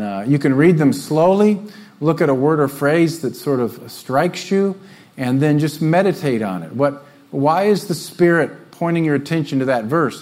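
A man pastor giving a conversational sermon to his congregation, teaching with frequent fillers and gentle asides. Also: mid-range voice.

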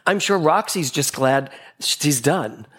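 Male spiritual speaker to a live audience, playful, acts out quoted voices, very lively pitch. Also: slow, breathy edge. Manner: playful, animated, acting out little exchanges in quoted voices. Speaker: speaker giving a spiritual talk. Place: gathering hall with a live audience.

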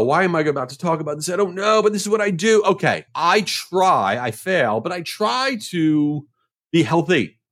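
A male podcast host telling a story in a casual monologue, animated, with mock exasperation. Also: on the high side.

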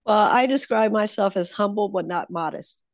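A woman's voice: mid-range voice, moderate pace, no room sound, clean studio sound. A woman working as a political consultant, telling stories in an interview with a confident, emphatic manner and easy laughter. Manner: confident, emphatic storyteller who laughs easily. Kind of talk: conversational interview.

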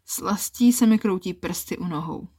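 A woman telling a first-person erotic story in a calm, intimate storytelling manner. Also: fairly low pitch, breathy edge.

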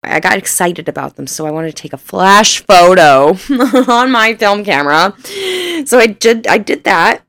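A woman's voice: mid-range voice, expressive, normal speed, fairly bright tone, no room sound. Twenty-something girl rambling thru a story, lots of giggles, dry close sound. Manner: rambling, self-deprecating, laughs often, swears casually. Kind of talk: casual storytelling.

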